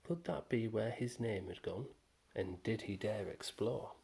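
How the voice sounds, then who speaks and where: A man reading a rhyming children's picture book aloud in a slow, gentle, rhythmic way. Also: lowish voice, animated, vocal fry, background noise. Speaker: storyteller.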